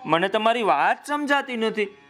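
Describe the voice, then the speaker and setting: A man's voice: high-pitched, lively intonation, moderate pace, fairly bright tone, soft background music, voice pushed up. A man voicing an honest young boy who runs a shop, speaking earnestly and firmly, in a children's story. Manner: earnest, firm, innocent.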